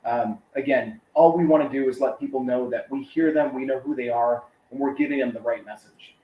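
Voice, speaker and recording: A man's voice: medium pitch, a little fast, echoey room, lo-fi sound, a little hiss or hum. A man giving a casual, conversational webinar presentation, with many fillers and asides.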